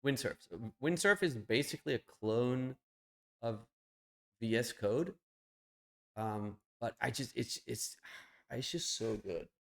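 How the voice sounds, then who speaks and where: A young man talks casually on a live stream, blunt and a little profane. He thinks out loud as he clicks around, with an ordinary mid-range voice. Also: medium pitch, expressive, slow, creaky, long pauses.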